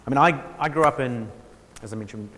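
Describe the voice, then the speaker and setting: A New Zealand man speaks in a relaxed way at a middle pitch during an informal theology workshop lecture. Long hall reverb surrounds his voice, and he pauses frequently with ums and restarts, joking drily about himself.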